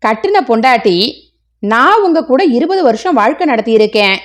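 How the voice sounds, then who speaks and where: A woman's voice: a little high, very animated, moderate pace. A woman voicing a tearful, bitter middle-aged wife with a wailing, reproachful manner.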